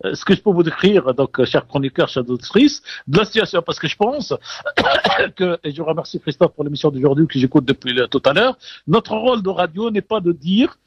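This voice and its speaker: A man's voice: on the high side, animated, a little fast, husky, no echo, lo-fi sound. A man giving a live radio field report as a correspondent, hesitant with many fillers but emphatic.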